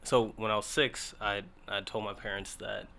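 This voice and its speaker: A man's voice: fairly low pitch, steady tone, moderate pace, creaky, sharp tone, slight background noise. A man in his twenties, originally from Ethiopia, telling his story as a guest in a casual podcast interview. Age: 20s. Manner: easygoing, storytelling, laughs along. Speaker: guest, startup founder.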